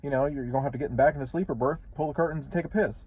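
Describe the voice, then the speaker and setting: A man's voice: on the high side, racing, a little mellow, husky, dull audio. A man, a truck driver, talking casually in a rambling vlog, repeating words and swearing often.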